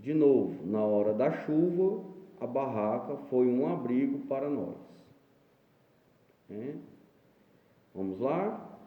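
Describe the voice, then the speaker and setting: A man with a Brazilian accent from Ceará teaches an online class, speaking very slowly and patiently and often adding "né?" to check that his students are following. His voice sits in a middle range. It was recorded in a reverberant room with a long echo and comes through dull and lo-fi. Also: medium pitch, lively intonation. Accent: Brazilian Portuguese, Ceará. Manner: slow, patient, explains step by step with frequent "né?". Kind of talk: remote classroom lesson. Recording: echoey room, dull lo-fi sound.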